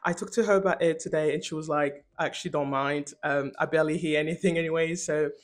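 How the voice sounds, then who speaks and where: A young woman, a video essayist and channel host, speaks fast in a low voice with a steady tone. Recorded in a room at home, she talks casually and emphatically to camera in an informal, slangy video essay style.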